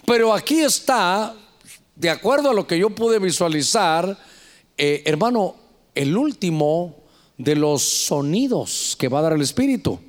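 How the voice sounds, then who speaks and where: A male pastor delivers an animated sermon in a high voice that swoops up and down. He calls on the congregation to repeat phrases after him and speaks with rising fervor. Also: a little slow. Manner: animated preaching with call-and-response.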